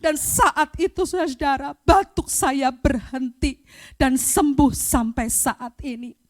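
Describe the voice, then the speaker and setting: A middle-aged woman pastor giving a fervent sermon, often rising to loud, emphatic cries. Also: sits high, slow pace. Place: church, streamed online.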